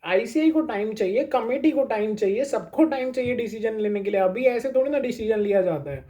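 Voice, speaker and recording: A man's voice: sits high, lively intonation, fairly quick, mellow. A man giving a casual pep talk to exam students, reassuring them and repeating his points, with English phrases mixed into his talk. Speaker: exam coaching YouTuber.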